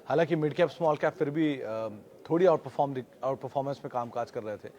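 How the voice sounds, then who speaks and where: A man hosting a stock market show, giving a steady explanatory rundown with frequent hesitations. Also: mid-range voice, quick pace, slight background noise. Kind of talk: daily stock market wrap-up.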